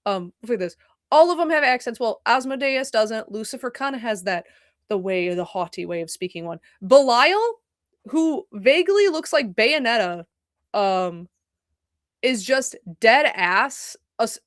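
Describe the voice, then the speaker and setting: A woman's voice: fairly high pitch, no room sound, studio quality. A young woman streaming from home, chatting casually in a rambling, profane way, often cutting herself off and apologizing mid-thought. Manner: rambling, profane, self-interrupting, apologetic asides. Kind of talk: casual livestream chat.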